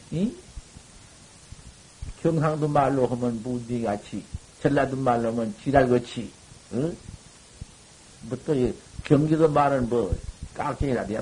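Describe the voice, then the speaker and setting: A man giving a dharma talk to monks, folksy and colloquial, swinging from loud exhortation to low murmurs. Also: a little hiss or hum, poor audio. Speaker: Buddhist monk teaching.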